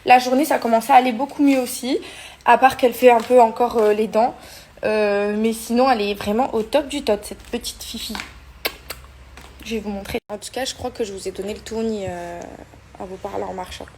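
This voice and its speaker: A woman's voice: fairly high pitch, fairly even intonation, fairly quick, a little mellow, slight background noise. A young woman vlogging casually, talking with many hesitations and fillers. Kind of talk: casual vlog chat.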